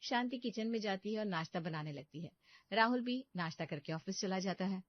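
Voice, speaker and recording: A woman's voice: mid-range voice, brisk, no echo, lo-fi sound. A woman narrating a scripted cartoon story in a plain, matter-of-fact way.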